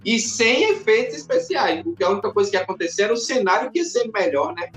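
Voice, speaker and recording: A man's voice: high-pitched, faint music behind. Man telling stories in an echoey room. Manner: animated, acts out scenes with quick voice jumps. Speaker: guest. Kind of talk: casual podcast chat.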